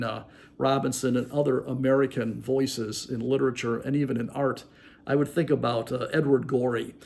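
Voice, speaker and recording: A man casually talking about poems in a reflective, musing way with fillers, then reading verse aloud slowly and deliberately. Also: mid-range voice, gravelly, darkish tone. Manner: slow, measured reciting of verse. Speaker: poetry reader and commentator. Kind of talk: casual commentary with poetry readings.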